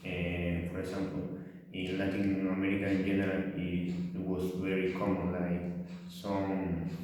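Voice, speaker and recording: Young Spanish-speaking man, low and flat, presenting haltingly with many fillers and restarts, heard from far off in a roomy space. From Venezuela. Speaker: language student presenting. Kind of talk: class presentation. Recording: distant, echoey room.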